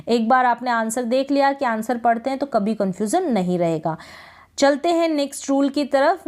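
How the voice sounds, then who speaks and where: A woman's voice: on the high side, a little mellow. A woman teaching English pronunciation, explaining patiently, repeating each word and answering her own questions. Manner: patient, repeats words and asks questions then answers them. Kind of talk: explaining lesson.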